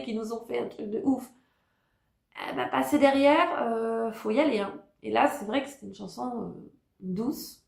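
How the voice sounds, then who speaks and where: A woman's voice: on the high side, gravelly, a little mellow, echoey room. A woman giving a casual spoken review as a vlogger, hesitant, with many fillers and restarts. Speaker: YouTuber reviewing a TV talent show.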